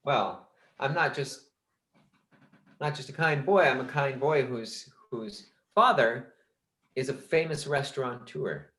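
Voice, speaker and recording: A man's voice: mid-range voice, slow pace, fairly bright tone, reverberant. A man playing a polite, scheming young time traveler who stammers eagerly.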